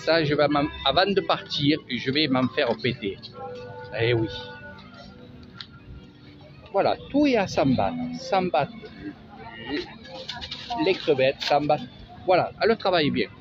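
A travel vlogger with a Marseille French accent gives a casual walking tour of an outdoor market, chatty and sing-song. His voice is on the high side and very animated, but he takes it slowly and pauses often. The audio is dull and lo-fi, with music.

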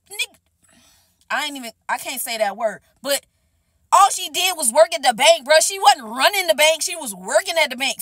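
High-voiced woman ranting about a movie. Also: no echo. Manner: animated, exasperated, heavy slang, talks straight to viewers. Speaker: vlogger reviewing a movie. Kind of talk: unscripted casual movie review rant.

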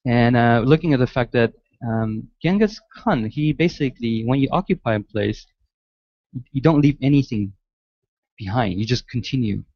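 Man, guest architect, audience Q&A, halting speech, many fillers, dull low-fi audio. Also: lively intonation, no room sound. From Malaysia, raised in the United States. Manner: hesitant, many restarts and fillers. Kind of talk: answering audience questions at a lecture. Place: large lecture hall.

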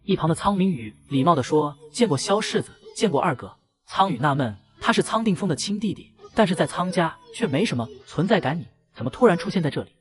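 A male narrator racing through a comic story recap with playful, brisk storytelling. His pitch leaps and falls animatedly, sitting slightly higher than most men's. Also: lively intonation.

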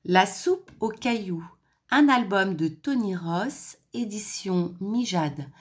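Expressive woman reading a children's story. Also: medium pitch, takes it slowly.

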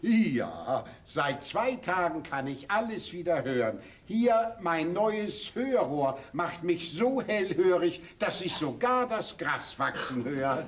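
An actor playing a sly, stubborn old farmer grandfather in a stage comedy, drawling slowly. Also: on the high side, sing-song, recorded from a distance. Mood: calm. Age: older. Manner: drawling, slyly deliberate. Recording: stage play miked from afar, faint hiss.

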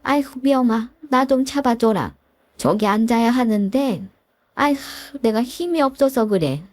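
A woman's voice: on the high side, expressive, moderate pace, darkish tone, no room sound, close to an everyday voice. A woman voicing a pushy, self-pitying older mother-in-law in a storybook drama, wheedling and guilt-tripping. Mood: pleading, pushy.

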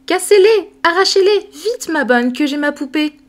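Storybook little girl, eager and pleading, pitched high and bright above the reader's own voice, a woman puts her on. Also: normal speed. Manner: pleading, breathless.

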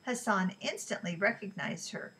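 A woman reading a novel aloud in a relaxed way, sometimes stumbling and correcting herself. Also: medium pitch, normal speed, poor audio. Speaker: reader.

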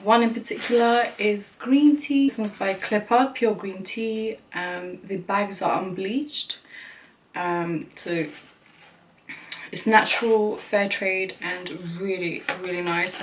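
A woman's voice: mid-range voice, recorded from a distance, slight background noise. A young woman chatting casually to camera as a beauty vlogger, filling her talk with "like" and "you know".

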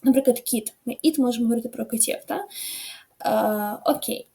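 A woman's voice: fairly high pitch, a little fast, warm tone. A woman teaching a beginner English lesson online, explaining step by step in a patient way with frequent filler sounds. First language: Ukrainian.

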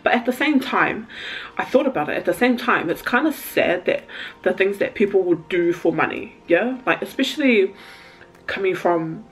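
Eating on camera for a casual mukbang, a woman vlogger chats loosely, laughing often and saying "like" a lot. Her mid-range voice is expressive and moves at normal speed, though the recording is rough.

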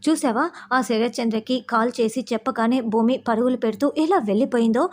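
An angry young man who fires harsh, accusing questions, as a woman reading a TV serial recap puts him on. The voice sits a little high and keeps an everyday storytelling tone. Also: brisk, a little mellow, lightly acted. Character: angry young man scolding his former love.

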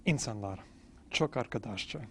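A man's voice: fairly low pitch, lively intonation, normal speed, a bit bright, slight background noise. A middle-aged man speaking careful learner's Turkish as a foreign student in a casual interview. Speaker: language student being interviewed. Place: indoor cultural center room. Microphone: handheld interviewer's microphone.

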